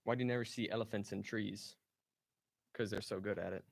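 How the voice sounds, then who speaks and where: Deadpan man telling dad jokes. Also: fairly low pitch, fairly quick, vocal fry, husky. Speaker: joke contestant. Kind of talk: trading dad jokes in a contest.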